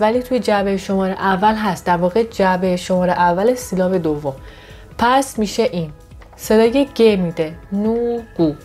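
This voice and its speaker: A woman teaching a language lesson, explaining pronunciation rules step by step and saying each example word slowly and clearly. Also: mid-range voice. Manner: patient, explains with examples, pronounces model words slowly and brightly.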